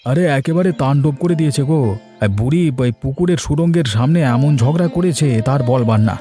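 A man's voice: mid-range voice, normal speed, dark tone, faint music behind, natural voice. A man voicing a scheming village man. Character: scheming village man, plots against the aunt. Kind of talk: cartoon voice acting.

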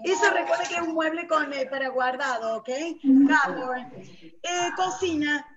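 High-voiced Argentine woman teaching online. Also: measured pace, dull audio, a crowd in the background. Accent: Argentine Spanish. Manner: lively, coaxing, switches between Spanish and English. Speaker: English teacher. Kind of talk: online class, drilling vocabulary. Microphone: computer mic on a video call. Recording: noisy video call audio.

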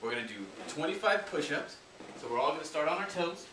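A male fitness trainer guides listeners through a home workout, giving coaching cues in a fairly high, animated voice at a fast clip. The mic is distant, leaving the sound off-mic and roomy with echo and a faint hiss.

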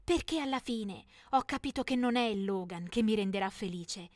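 A woman's voice: mid-range voice, normal speed, darkish tone, no room sound, studio quality. Young woman narrating a teen story. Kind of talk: scripted first-person storytelling.

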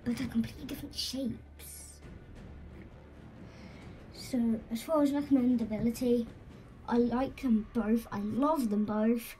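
A high, voice in a casual, unscripted toy review, rambling and halting with self-corrections. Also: warm tone, slight background noise, poor audio. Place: indoors, small tabletop green-screen setup. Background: music, occasional scratching from headphones.

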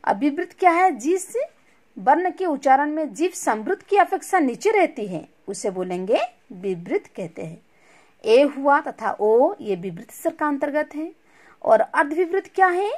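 A woman's voice: sits high, big pitch swings, moderate pace, darkish tone. A woman teaching a recorded lesson, asking questions and answering them herself, mixing in English words. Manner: mixes English words into Hindi.

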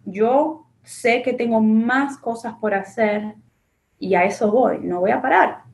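A woman's voice: fairly high pitch, slow pace, gravelly, darkish tone. A woman from Argentina in her forties with an Argentine Spanish accent, a business owner answering interview questions earnestly, with many fillers and restarts, recorded on a webcam in a small office. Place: small indoor office with a framed picture.

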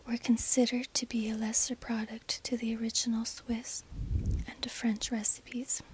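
A woman narrating a script in a breathy, unvoiced ASMR whisper, measured and deliberate, close on a binaural microphone. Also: a little high, darkish tone, rough recording. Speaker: narrator of an ASMR history video.

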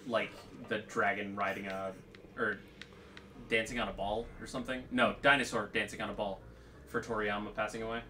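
A man's voice: fairly low pitch, steady tone, fairly quick, pushed and bright, slight background noise. A man co-hosting a game let's play in casual, laid-back chat with many fillers.

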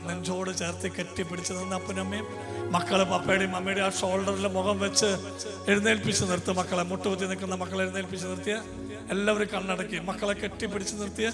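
A man's voice: high-pitched, completely flat delivery, fast talker, long reverb tail. A man leading a congregation in guided prayer, fervent and commanding, directing worshippers in a church over devotional music. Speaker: priest leading adoration prayer.

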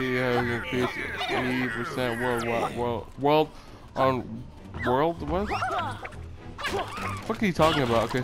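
A man giving casual, rambling, profane gameplay commentary, his speech slightly slurred by a mouth numb from the dentist. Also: mid-range voice. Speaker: video game player hosting an episode series. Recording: game music behind the voice. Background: video game music.

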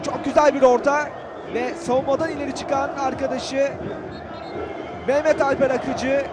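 A man giving excitable, declamatory live commentary on a football match. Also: very high voice, moderate pace. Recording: loud stadium crowd noise behind. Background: cheering football stadium crowd.

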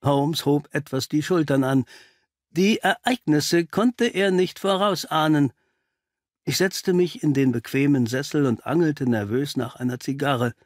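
A man reading an audiobook aloud as a first-person narrator, telling the story in a measured way. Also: on the high side, dry recording, studio quality.

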